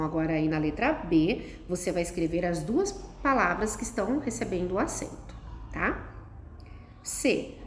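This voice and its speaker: A woman teacher, patiently explaining a lesson to children step by step and checking in with "tá?". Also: medium pitch. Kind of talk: recorded classroom lesson for children. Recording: echoey room, faint noise.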